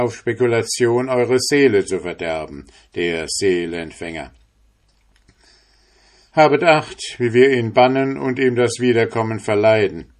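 A stern, zealous old priest, played by a man reading the tale aloud, raises his voice a little above the narrator's and hammers out his warnings in a preaching, declaiming way. The delivery is slow and weighty, and it sounds like a storybook reading. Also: fairly low pitch, lightly acted.

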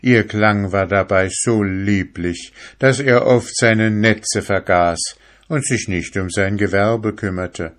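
A man narrating a fairy tale in a calm, measured reading style. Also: lowish voice.

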